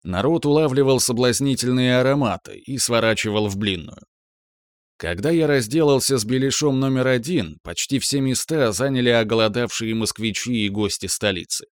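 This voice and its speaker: A man narrating an audiobook in a calm, even storytelling manner. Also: mid-range voice, moderate pace, no room sound, clean studio sound.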